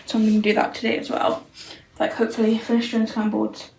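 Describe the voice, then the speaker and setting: A young woman chats casually in a bedroom vlog, her slightly high, darkish voice completely flat, quick, and full of vocal fry. She rambles through her plans, thinking aloud with lots of fillers, and the audio is poor with an echoey room.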